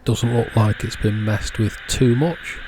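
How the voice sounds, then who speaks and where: Against a noisy background, a man with a fairly low voice hosts an electronics repair video. He talks a little slowly, musing aloud and giving offhand commentary as he works.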